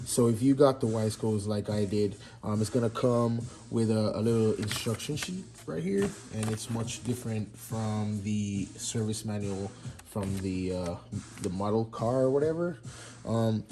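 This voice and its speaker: Jamaican guy doing a chill garage how-to, lowish mellow voice, lots of ums, faint music behind. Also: poor audio. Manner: relaxed, chatty, many fillers and restarts. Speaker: mechanic demonstrating engine assembly. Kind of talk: casual how-to tutorial. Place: home garage workshop.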